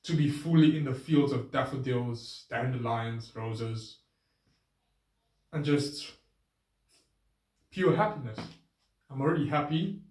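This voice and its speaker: A man vlogging a casual, rambling self-reflective monologue, his voice drifting between a trained register and a softer natural one. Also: medium pitch. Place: outdoors with his bike. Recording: roomy, distant camera sound.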